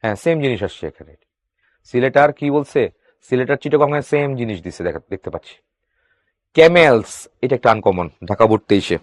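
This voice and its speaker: A man teaching English for exams, asking his students quick questions and answering them himself. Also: medium pitch, lively intonation, dry recording. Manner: reads English sentences slowly, then explains. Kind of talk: exam-prep grammar lesson.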